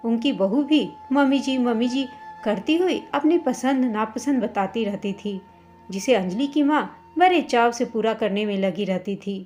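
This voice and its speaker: A woman with a slightly high voice tells a scripted family story. She speaks the characters' lines herself as she narrates. Soft music plays quietly behind her. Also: animated, unhurried.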